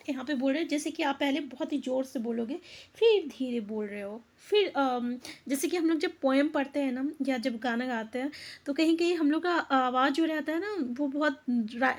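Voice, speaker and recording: A woman teaches an exam-prep lesson. She walks through each point step by step and keeps asking her listeners rhetorical questions. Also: sits high. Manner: reads English options slowly.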